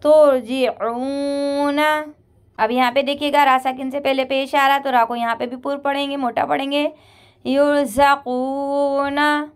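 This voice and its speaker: High-voiced woman teaching Quran reading. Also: flat delivery. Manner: patient, repeats "theek hai" often, chants the sample words slowly and drawn out. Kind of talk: step-by-step recitation lesson.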